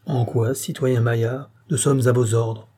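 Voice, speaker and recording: Dutiful guard lieutenant, eager to serve, read by a man, dark and raspy. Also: medium pitch, fairly even intonation, a little slow, lightly acted. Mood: keen.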